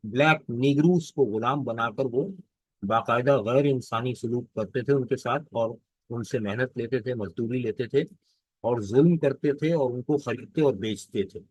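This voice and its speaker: A man teaching literature, reading lines slowly and explaining them at length in Hindustani with Urdu words, asking himself questions and answering them. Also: mid-range voice, no echo, muffled recording. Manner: fills pauses with "theek hai". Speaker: English teacher. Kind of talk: lecture explaining a text line by line.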